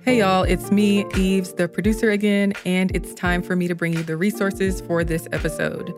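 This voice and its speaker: A woman's voice: on the low side, level tone, normal speed. A woman narrating scripted podcast notes and credits as the show's producer. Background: music under the voice.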